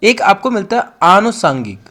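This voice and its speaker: A man's voice: high voice, very animated, normal speed, pushed and bright. A young man with an Uttarakhand Hindi accent, teaching an online exam-prep class and explaining with repetition and emphasis. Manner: explanatory, repeats words for emphasis, addresses students directly. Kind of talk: online lesson.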